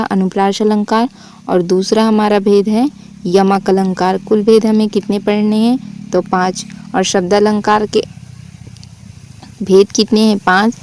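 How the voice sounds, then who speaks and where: A woman teaching grammar, asking questions and answering them herself, and reading verse examples slowly. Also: medium pitch, a little mellow. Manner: drills with repeated questions and answers. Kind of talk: Hindi grammar lesson.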